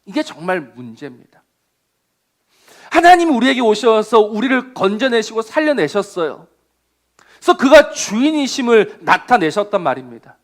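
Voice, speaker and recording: Dramatic high-voiced male preacher. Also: very animated, moderate pace. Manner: dramatic, swings from loud to near-whisper; asks rhetorical questions. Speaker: pastor. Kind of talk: sermon.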